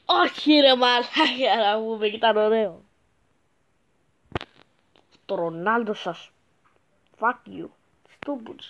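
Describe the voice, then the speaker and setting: Guy with a highish voice doing silly crude game commentary, yells when excited. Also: pauses often, a little hiss or hum, poor audio. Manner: joking, crude, bursts into excited shouts. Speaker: gaming YouTuber. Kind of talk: gameplay commentary.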